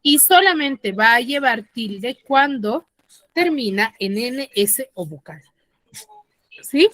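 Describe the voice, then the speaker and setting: A woman's voice: a little high, lively intonation, takes it slowly, fairly bright tone, no echo. A woman teaching an online class, explaining step by step and checking in with her students. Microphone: computer mic on a video call.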